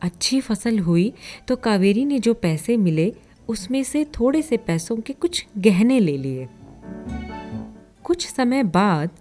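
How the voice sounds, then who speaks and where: Woman storyteller, slow and mellow, calm even reading, faint music underneath. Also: mid-range voice. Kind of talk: scripted story narration.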